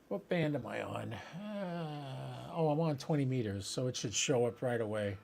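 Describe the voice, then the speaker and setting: His voice is mid-range, gravelly, and a little mellow, yet animated and measured in pace. He hosts a ham radio channel, doing an informal live demo at his computer while talking to viewers and thinking aloud.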